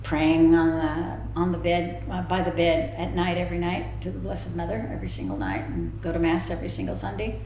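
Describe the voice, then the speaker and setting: A woman's voice: lowish voice, brisk, few pauses, darkish tone. An older woman answering interview questions in a plain-spoken, informal way, often letting her sentences trail off. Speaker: interviewee, festa cake maker. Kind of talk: casual oral history interview. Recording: echoey room, faint background noise.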